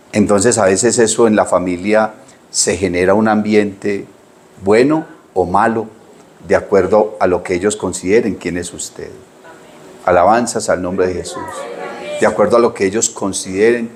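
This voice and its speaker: Male pastor, middle-aged; lively sermon delivery with sudden high jumps when quoting. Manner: lively storytelling preacher, pitch leaps when quoting people.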